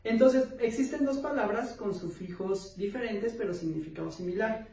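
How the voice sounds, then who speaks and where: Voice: mid-range voice, moderate pace, gravelly, a little mellow. A course instructor giving an online video lesson step by step, with many filler words and words restarted mid-sentence. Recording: roomy echo, voice distant from the mic.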